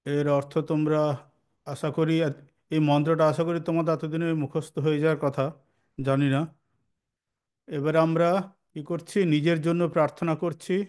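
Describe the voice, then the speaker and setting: Clear-voiced teacher, even delivery. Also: male voice, fairly high pitch. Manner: slow measured chanting of mantras. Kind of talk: value education class with chanting. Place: classroom or teaching hall.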